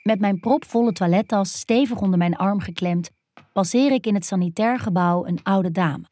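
A woman narrating a first-person erotic story in an intimate, hushed and dreamy way. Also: mid-range voice, normal speed.

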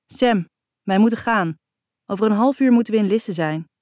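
A woman voicing a grumpy, curt young man who talks gruffly and briefly. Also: medium pitch, normal speed, darkish tone, dry recording, clean studio sound, pitched above the performer's own voice, lightly acted.

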